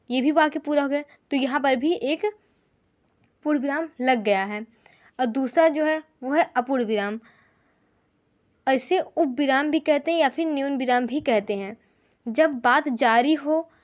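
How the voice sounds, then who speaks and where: High-voiced woman teaching grammar. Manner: explains slowly with examples, pointing at notes. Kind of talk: Hindi grammar lesson.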